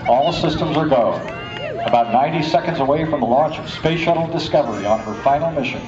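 A man giving a steady, measured launch countdown commentary over a public-address loudspeaker. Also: a little high. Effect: public-address loudspeaker broadcast. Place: outdoors at a launch viewing site. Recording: distant echoey loudspeaker, dull, loud crowd. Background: cheering crowd.

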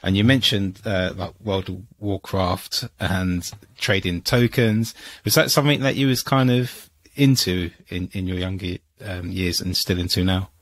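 A man's voice: deep voice, steady tone, unhurried, no echo. A man hosting a podcast, asking a guest curious, welcoming questions into a studio mic at home. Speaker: podcast host. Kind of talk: interviewing a guest. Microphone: studio mic on arm.

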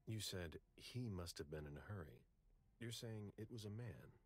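A terse deep-voiced FBI agent. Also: male voice, lively intonation, moderate pace, husky. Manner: clipped, questioning.

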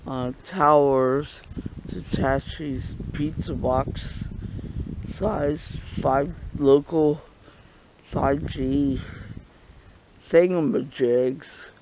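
A man with a raspy voice and a stuffy nose, vlogging casually from a wooded hilltop farm, rambling and halting with frequent ums and self-mocking asides. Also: medium pitch, fairly even intonation, noisy background. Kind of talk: casual outdoor vlog. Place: hilltop farm in the woods, outdoors.

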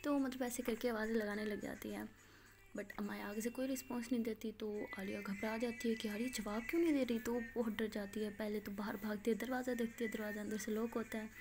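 Woman storyteller, casual and chatty, slightly high voice. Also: steady tone, quick pace, background noise. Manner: chatty, filler-laden retelling.

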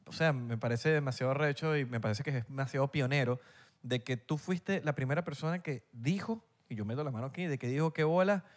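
Un hombre con acento venezolano que conduce un pódcast en charla casual, en tono juguetón y burlón. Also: male voice, mid-range voice, fast. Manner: playful, teasing, dramatizes on purpose. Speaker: podcast host. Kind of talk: casual podcast chat.

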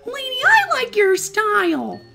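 Woman putting on a high, cheery sunflower bard. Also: wildly swooping pitch, measured pace, creaky, sharp tone, faint music behind, heavily acted. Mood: cheery, proud. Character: friendly male sunflower bard, laid-back enthusiastic jam leader. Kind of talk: playful game dialogue read-aloud.

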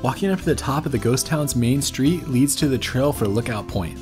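A man in his thirties narrating a travel vlog, filming himself outdoors in the desert with the camera held at arm's length, upbeat and informative and quick to laugh. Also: medium pitch, lively intonation, music in the background. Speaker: travel vlogger.

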